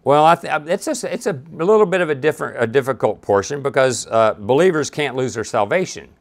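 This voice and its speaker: A man's voice: mid-range voice, lively intonation, brisk. A man teaching a Bible study, reading scripture aloud and talking it through in a conversational way with frequent restarts and asides.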